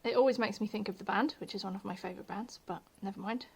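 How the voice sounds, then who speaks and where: A woman's voice: mid-range voice, fast, vocal fry, darkish tone, slight background noise. A woman hosting a casual crochet tutorial at home, chatty and self-deprecating, dropping to a murmur while she works. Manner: says she has her posh telephone voice on.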